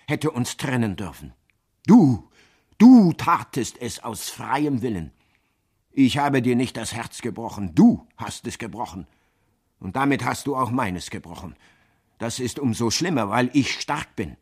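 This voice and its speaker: A man reading aloud and voicing an anguished, bitter man who accuses and pleads by turns. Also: fairly low pitch. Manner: impassioned, swinging between hushed and loud.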